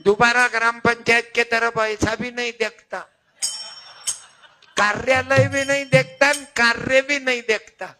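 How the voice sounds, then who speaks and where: A man's voice: extremely high pitch, little pitch movement, unhurried. An older man, preaching a folk kirtan and teasing his audience. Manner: chatty, teasing, calls on audience members. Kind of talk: devotional folk sermon with audience. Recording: loud accordion music behind.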